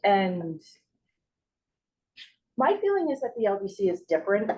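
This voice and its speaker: A woman's voice: mid-range voice, big pitch swings, measured pace, dark tone, lo-fi sound. A woman leading agenda items at a board meeting, talking casually with frequent ums and restarts. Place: meeting room. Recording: distant mic with faint hiss.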